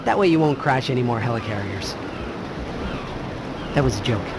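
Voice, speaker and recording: A man's voice: mid-range voice, lively intonation, normal speed, noisy background, lightly acted. A man playing a wisecracking, anxious teenage superhero in a video game, sarcastic and quippy. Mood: quippy, earnest. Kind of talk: video game cutscene acting. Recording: loud music over the voice.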